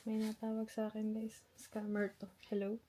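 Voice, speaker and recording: A woman's voice: a little high, monotone, fairly quick, warm tone, slight background noise. A woman in her thirties with a Filipino accent, chatting casually on her home vlog while lying down. She talks chattily, switches languages mid-sentence and laughs often. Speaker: vlogger and channel host.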